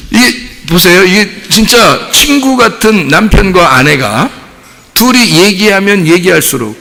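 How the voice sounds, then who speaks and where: A male pastor preaching a sermon, lively and talkative, acting out little everyday scenes as he goes. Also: a little high, vocal fry, long reverb tail. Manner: animated, acts out little scenes and voices. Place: church sanctuary.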